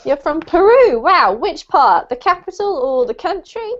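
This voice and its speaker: High-voiced chatty woman teaching online. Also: big pitch swings, unhurried, muffled recording. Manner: chatty, talks straight to students. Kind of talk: live online class.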